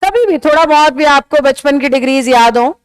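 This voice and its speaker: A woman teaching an English grammar lesson in a classroom, explaining patiently, checking understanding with rhetorical questions and stretching out example words slowly. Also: sits high. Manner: drawn-out slow emphasis on example words. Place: classroom with a board.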